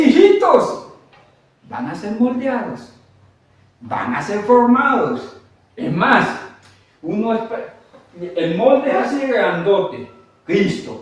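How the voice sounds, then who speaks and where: A man preaching a sermon as pastor, animated, with humorous asides to his congregation. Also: high-pitched. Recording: echoey hall, mic at a distance.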